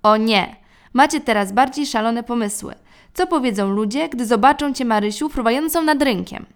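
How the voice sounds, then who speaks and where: A woman's voice: a little high, big pitch swings, moderate pace, vocal fry. A woman voicing a cautious, grumbling father in a storybook, exclaiming fussily.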